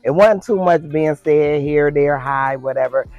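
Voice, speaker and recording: A woman's voice: deep voice, a little slow, no room sound, muffled recording, faint music behind. A woman telling a personal story to her viewers in a casual, chatty way, calling them girl and y'all. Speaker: storytime vlogger.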